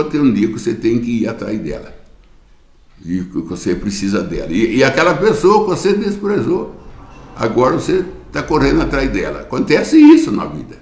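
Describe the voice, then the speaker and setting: A man's voice: medium pitch, a little mellow, echoey room. A man with a Brazilian Portuguese accent preaching a sermon in church, repeating phrases for emphasis and calling his listeners brother. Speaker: pastor.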